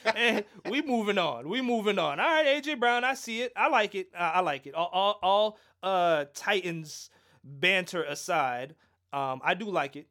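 A man's voice: high voice, lively intonation, normal speed, fairly bright tone. A man co-hosting a casual fantasy football show, joking and teasing his partner in a loose, chatty way. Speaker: fantasy football podcast co-host. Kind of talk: casual sports chat.

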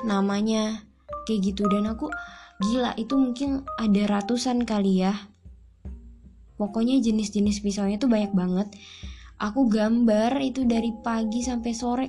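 A young woman chatting casually about her own life, with drawn-out fillers, often quoting herself, while music plays underneath. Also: mid-range voice. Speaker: vlogger. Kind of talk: casual personal storytelling.

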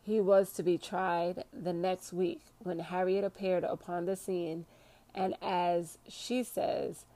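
Chatty woman reading aloud, slow and dark. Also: lowish voice. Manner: excitable, chatty, stumbles over hard words. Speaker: podcast host reading a history book aloud. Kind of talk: reading aloud with casual asides.

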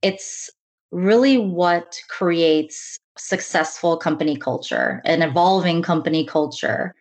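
Earnest woman with a lowish voice. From United States. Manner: earnest, measured, frequent "really" and "kind of". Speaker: diversity and inclusion lead, interview guest. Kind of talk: conversational interview.

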